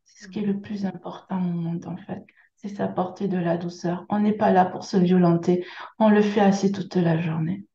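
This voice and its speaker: A woman from France with a southern French accent, speaking gently and haltingly as a guest on a video-call interview, with many pauses and fillers. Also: on the low side, fairly even intonation, roomy sound, lo-fi sound. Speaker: guest workshop leader. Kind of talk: hesitant conversational interview.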